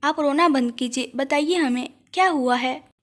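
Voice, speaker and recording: A timid young mother from an audio storybook, speaking softly and politely, as a woman reader puts her on. Her voice sits fairly high and gentle. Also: moderate pace, lightly acted. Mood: anxious. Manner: polite, soft-spoken. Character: young gentle mother, soft-spoken and anxious.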